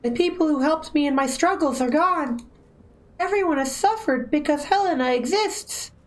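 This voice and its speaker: Woman putting on a timid young game girl, high pitch, solemn, plaintive, sorrowful. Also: normal speed, close to an everyday voice.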